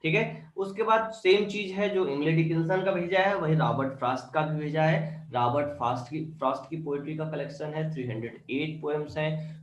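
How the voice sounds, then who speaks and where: A man teaching an online English literature class, explaining step by step and often checking "clear?", with Indian-accented English. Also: medium pitch, echoey room, low-quality recording.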